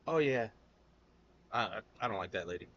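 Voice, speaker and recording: American man, fairly low voice, casual reaction host, blunt and loose, slightly dull lo-fi sound. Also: animated, normal speed, a bit bright, a little hiss or hum. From United States. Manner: loose and blunt, calls viewers "man" and "dude".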